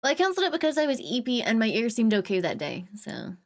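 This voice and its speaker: A woman live streamer chatting casually, humming little filler sounds and greeting viewers with bursts of excitement. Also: a little high, fast. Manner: chatty, hums and scats little filler sounds between thoughts.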